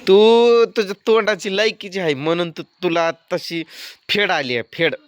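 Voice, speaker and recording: A man's voice: high voice, steady tone, unhurried, no echo. A man filming his family on a phone in a farmyard, scolding and teasing them in a blunt, casual way. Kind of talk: casual home vlog. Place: farmyard at home with animals. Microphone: phone camera.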